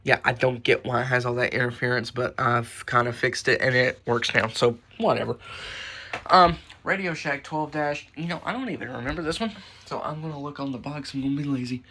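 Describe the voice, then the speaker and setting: Brisk, mid-range and pushed bright, this man's voice carries a casual show-and-tell of his radio collection. He rambles as host, dropping muttered asides and mild swears, with weather radios playing in the background.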